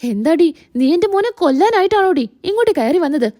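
Woman doing a scolding, shrill mother-in-law. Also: very animated, quick pace, dark tone. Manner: scolding, accusing. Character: indignant protective middle-aged mother-in-law.

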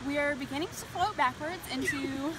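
A woman's voice: high-pitched, moderate pace, background noise. A young woman vlogging outdoors from a kayak on a river, chatty and giggly, recorded on a phone. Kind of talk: casual chat. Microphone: phone camera.

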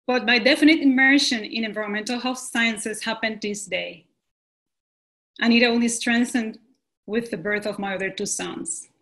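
This Puerto Rican woman has a slightly high, fairly bright voice. Presenting herself as a pediatrician, she reads a prepared script in an earnest, measured way over a video call from a room in her home.

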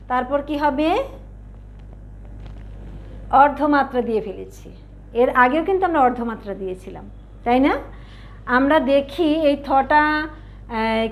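A woman teaching young children to write and say letters, coaxing them with questions and slow drawn-out fillers, with a Bangladeshi Bengali accent. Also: high voice. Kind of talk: children's alphabet lesson.

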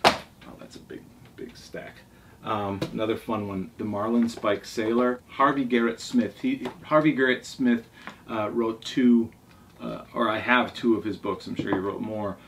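With a voice on the low side, fairly even intonation, and a measured pace, a man in his forties hosts a home vlog going through his favourite books. His talk is casual, enthusiastic, and rambling, recorded at a table in a small furnished room via a distant mic amid noisy ambience.

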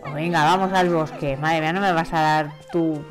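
A woman's voice: low-pitched, fairly even intonation, moderate pace. A woman with a Spain Spanish accent giving chatty, exclamatory commentary while playing a video game, talking to the characters on screen. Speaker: gaming streamer. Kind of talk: casual gameplay commentary.

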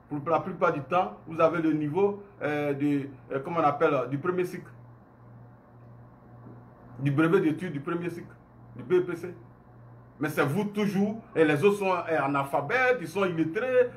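There's a little hiss or hum behind this man's slightly high, fairly bright voice. He is an online commentator in his forties from Côte d'Ivoire with an Ivorian French accent, indoors at home, addressing the camera in an indignant, emphatic monologue full of rhetorical questions and gestures.

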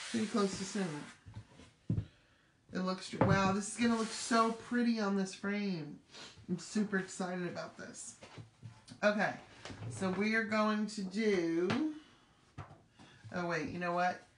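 A woman's voice: medium pitch, measured pace, long pauses. A middle-aged woman hosting a live craft demonstration, chatty and upbeat, talking as she works. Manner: chatty, upbeat, talks while working. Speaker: craft demo host. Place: craft room with table. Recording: echoey room with clear background noise.

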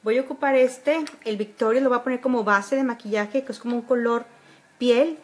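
A woman talks viewers through her makeup, chatty and unpolished, full of little fillers. Her voice sits a bit high, picked up by a phone held at arm's length in her bedroom. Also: fairly even intonation, a little fast. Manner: chatty, homely, many fillers. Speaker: beauty vlogger. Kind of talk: casual makeup tutorial. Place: bedroom at home. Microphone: phone camera at arm's length.

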